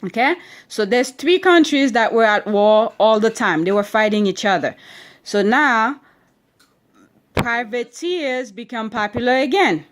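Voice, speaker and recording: Her voice a little high and a little slow, with lively intonation, a woman reads history aloud to her children at home. She speaks English with a non-standard accent, lengthens key words, and frequently stops with "okay?" to confirm they're following.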